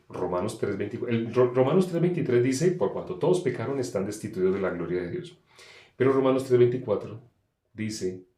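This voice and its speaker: A man preaching a sermon, emphatic, asking questions and answering them himself, swinging between loud and soft. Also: fairly low pitch, reverberant.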